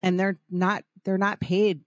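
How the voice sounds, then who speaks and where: A woman's voice: medium pitch, little pitch movement, a little slow, dry recording, clean studio sound. A middle-aged woman hosting a podcast in casual chat, rambling and passionate, often restarting her sentences. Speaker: podcast host.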